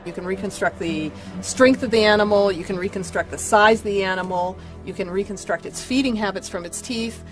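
A woman's voice: mid-range voice, brisk, few pauses, faint music behind. A middle-aged woman explaining things as an expert interviewee in a nature documentary. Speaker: paleontologist interviewee.

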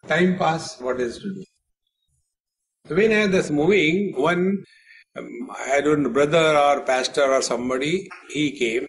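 A man's voice: on the high side, measured pace. A man, a spiritual teacher, giving a retreat discourse with humorous storytelling and acted dialogue to a live audience.

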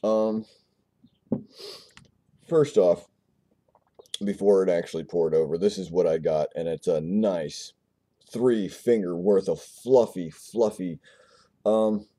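A man with a low, very dark and mellow voice reviews a beer on camera in a loose, rambling way. He trips over words and repeats himself as he pours and describes it. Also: slow, pauses often. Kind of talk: casual video review.

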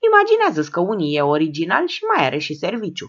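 A woman's voice: lowish voice, wildly swooping pitch, breathy edge, exaggerated voice. A woman voicing an amused, ironic man who teases his friends sweetly and sarcastically, on a dull lo-fi recording. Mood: teasing. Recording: dull lo-fi sound.

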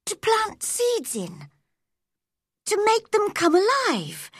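A woman's voice: sits high, wildly swooping pitch, slow pace, a bit bright, no room sound, studio quality, pitched above the performer's own voice, full character voice. A woman voicing a timid young girl who stammers but grows braver as she speaks. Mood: timid pleading. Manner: shy, stammering, growing brave.

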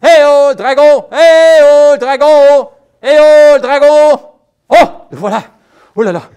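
A woman playing a brave, excitable little girl knight-errant in a theatrical children's storytime, animated and exclamatory. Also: medium pitch, normal speed, close to an everyday voice. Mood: excited. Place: live storytime stage.

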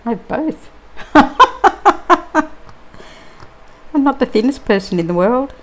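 A middle-aged Australian woman, a crafting vlogger, chats casually and muses aloud while crafting at a table indoors, pausing often and saying um a lot. Her voice is high-pitched, with big pitch swings.

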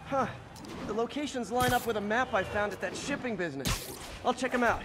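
A man's voice: very high voice, a little fast, background noise. An actor voicing a wisecracking young male superhero in a video game, casual and easygoing. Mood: quippy.

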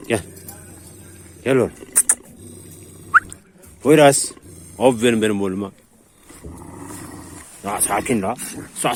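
A man's voice: lowish voice, slight background noise. A man filming street dogs, coaxing and praising them in casual, slangy speech while talking to his viewers. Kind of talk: casual running commentary to camera. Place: outdoors on a street.

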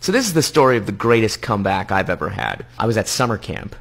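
A man telling a funny childhood anecdote in a stand-up style, with deadpan delivery and punchline timing. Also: fairly low pitch, fast talker, creaky, music in the background.

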